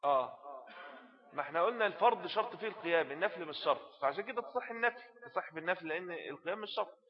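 A man's voice: high voice, animated, rapid-fire, dull audio. Egyptian man teaching a jurisprudence lesson. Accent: Egyptian Arabic. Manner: explains text in colloquial asides, often asks rhetorical questions. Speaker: religious teacher.

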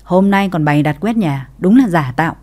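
A woman voicing a blunt, sharp-tongued young sister-in-law in a read-aloud story. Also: on the low side, lively intonation, brisk. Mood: mocking.

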